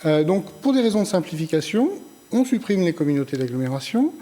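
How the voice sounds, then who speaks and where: A man's voice: on the high side, big pitch swings, a little fast, warm tone. A local party president arguing his side in a televised political debate, correcting how the question was framed. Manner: argumentative, correcting the opponent's framing. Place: local TV studio.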